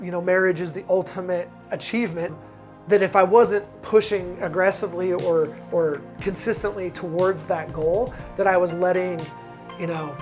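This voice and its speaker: A man speaking in a reflective, measured way in a confessional interview, with small hesitations. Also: high-pitched. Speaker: reality show contestant.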